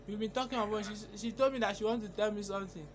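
High-pitched, hesitant young man. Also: steady tone, very fast. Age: young adult. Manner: hesitant, stammering. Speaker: prankster son on a phone call. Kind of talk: casual prank call. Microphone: phone camera at arm's length.

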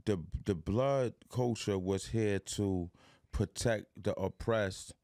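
A man hosting a podcast, asking relaxed questions and tossing in short affirmations. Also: lowish voice, takes it slowly, no room sound, studio quality. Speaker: podcast host. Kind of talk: casual interview. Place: small studio lounge with plants, indoors. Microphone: studio mic on a boom arm.

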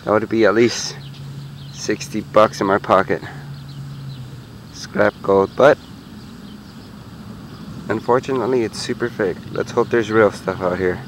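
A man's voice: lowish voice, fairly even intonation, measured pace, long pauses, slight background noise, low-quality recording. A man chatting casually to his viewers while metal detecting outdoors in a park. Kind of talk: casual narration to camera.

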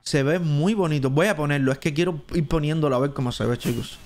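A man with a Cuban Spanish accent talks his way through a live gameplay stream, thinking aloud and chatting to his viewers. His voice sits somewhat high for a man, and now and then he jumps up into a squeaky put-on tone. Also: fast talker, darkish tone, slight background noise. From Cuba.

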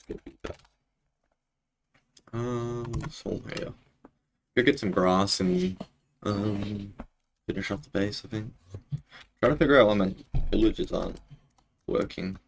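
A man's voice: on the low side, vocal fry, slight background noise. A young man with a broad New Zealand accent, chatting casually and slangily in a laid-back way while streaming a game. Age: young adult. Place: small indoor room at home.

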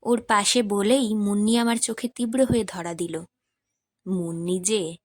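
A woman narrating a literary short story as an audiobook, in a measured, expressive reading. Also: fairly high pitch, dry recording.

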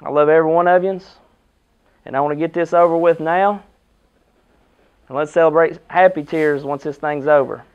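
In the team's locker room, a middle-aged American man who coaches basketball gives a rousing pep talk of short, emphatic lines and rhetorical questions. His fairly high voice is smooth and steady at a moderate pace with frequent pauses. A camera a few metres off captures it, and the sound is muffled.

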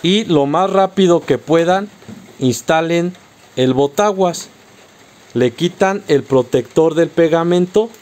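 A man's voice: fairly high pitch, animated, slow pace, darkish tone. A man with a Mexican accent narrating a step-by-step car accessory tutorial, patiently instructing viewers directly. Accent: Mexican Spanish.

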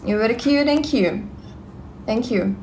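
A young woman in her twenties from Russia, with a Russian accent, chatting on a live stream in halting, simple English full of fillers and repeated words, on a phone held close in a small room. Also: a little high, lively intonation, darkish tone, roomy sound, a little hiss or hum. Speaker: livestream vlogger. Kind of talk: live stream chat, reading comments.

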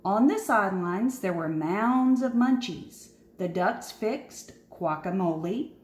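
With an expressive, mid-range voice, a woman reads a picture book for children, pausing dramatically and stressing words for effect. The room is large and echoey.

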